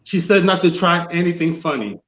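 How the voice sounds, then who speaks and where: A man's voice: a little high, expressive, fairly quick. A man firing off corny one-liners and laughing at his own puns. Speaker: pun comedian. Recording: echoey dull remote line with hiss.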